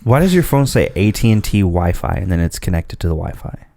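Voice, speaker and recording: A young man with a fairly low voice trades loose, rambling banter as co-host of a small podcast. He laughs easily and drifts off mid-thought. The sound is dry and close, taped in a spare-room office. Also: big pitch swings, fairly quick, gravelly, dark tone, no room sound. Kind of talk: casual banter.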